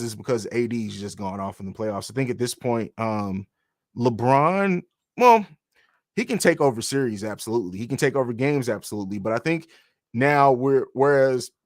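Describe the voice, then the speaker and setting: On his basketball podcast, a man raised on a US military base in Germany chats about sports and reads from the chat, speaking bluntly and loosely with plenty of restarts. His voice is medium-pitched, captured in studio quality without any room sound.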